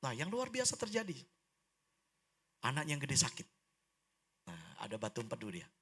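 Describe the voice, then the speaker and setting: A middle-aged man, telling a testimony during a church sermon, lively and humorous, with big swings in pitch. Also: normal speed, gravelly, slightly rough. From Indonesia. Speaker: preacher giving testimony. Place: church hall.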